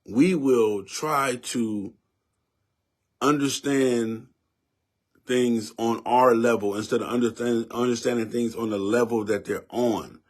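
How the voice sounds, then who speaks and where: A man's voice: mid-range voice, fairly even intonation, slow. A man in his fifties with a Southern US accent, giving his opinion in a casual, preachy way and repeating words for emphasis. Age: 50s. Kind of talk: casual spoken commentary.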